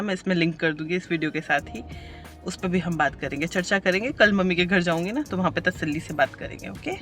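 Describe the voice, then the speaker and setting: A woman from India vlogging in a casual, chatty way. She mixes English phrases into her Hindi and tries to keep her pace slow and calm. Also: on the low side. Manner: tries to talk slowly and calmly. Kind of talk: casual vlog chat to camera.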